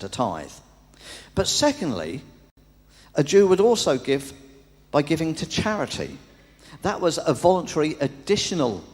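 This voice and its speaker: A man's voice: medium pitch, darkish tone. A man preaching a sermon in a conversational way, asking rhetorical questions. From England. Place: church. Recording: long church reverb.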